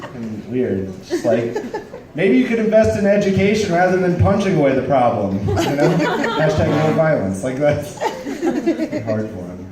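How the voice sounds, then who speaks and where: A man's voice: on the high side, wildly swooping pitch, unhurried, echoey room, distant mic, heavy background noise. A man in his twenties doing a casual stand-up comedy set, rambling with lots of fillers. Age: 20s. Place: comedy club stage, audience laughing.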